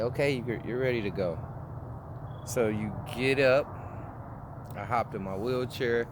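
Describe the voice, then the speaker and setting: A man in his forties talks through his experience in a loose, rambling way, often restarting sentences. His voice sits fairly low. Traffic and street noise can be heard clearly behind him. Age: 40s. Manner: rambling, with frequent restarts and fillers. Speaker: vlogger. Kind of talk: casual personal review.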